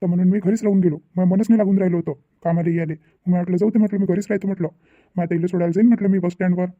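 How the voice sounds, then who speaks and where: A man's voice: sits high, steady tone, very fast, no room sound, narrow, tinny audio. A man voicing a worried young village brother who rambles and repeats himself in a cartoon family drama.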